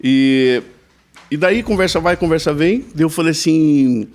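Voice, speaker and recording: A man with a Brazilian accent, a pastor who is a podcast guest, telling a lively anecdote in casual conversation and tagging his sentences with frequent "né?". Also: on the high side, measured pace. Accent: Brazilian Portuguese. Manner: lively storyteller, mimics the people he quotes, frequent "né?" tags.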